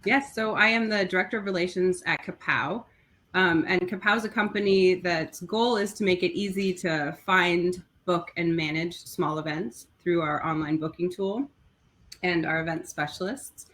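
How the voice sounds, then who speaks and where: A woman's voice: lowish voice, moderate pace, a bit bright. A woman speaking briefly and politely as a guest on a video-call webinar, matter-of-fact in tone. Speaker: company director and guest panelist. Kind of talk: casual webinar chat.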